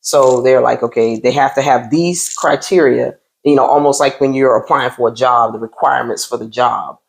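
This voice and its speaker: A woman co-hosts a casual talk show in a measured, articulate way. Her voice is extremely low with a gravelly fry. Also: poor audio. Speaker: co-host. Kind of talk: casual chat.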